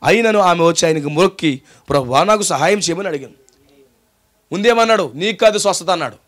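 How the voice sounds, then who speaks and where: High-voiced Telugu-accented pastor preaching. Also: male voice, expressive, fast, a bit bright. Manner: preaching with rhetorical questions and call-and-response. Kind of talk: sermon.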